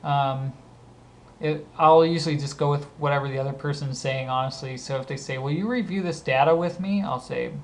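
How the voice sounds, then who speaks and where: A scratchy-voiced man with a Southern California accent reads out a list of words, casually explaining how he uses each after saying it. His pitch is fairly high and his pace brisk.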